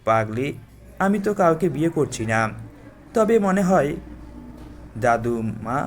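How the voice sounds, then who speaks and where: A man's voice: a little high, animated, takes it slowly, a little hiss or hum. A man reading a coaxing young husband. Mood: tender.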